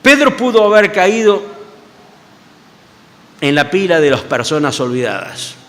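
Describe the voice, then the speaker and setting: An older man with a Uruguayan Spanish accent preaches a sermon, retelling a story with lively, stammering restarts. His voice sits slightly high and very bright. A long church reverb hangs behind him. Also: unhurried.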